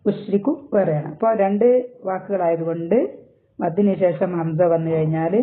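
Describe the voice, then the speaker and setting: A man with a high voice giving a tajweed lesson, explaining the rules step by step. He draws out the Arabic recitation slowly and carefully. The recording is tinny and thin, like a phone line. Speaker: Quran teacher.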